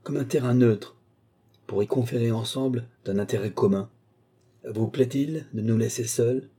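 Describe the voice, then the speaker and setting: A man's voice: medium pitch, moderate pace, mellow, breathy edge. A man voicing a vengeful medieval count who speaks with anger and contempt. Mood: angry. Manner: wrathful, commanding.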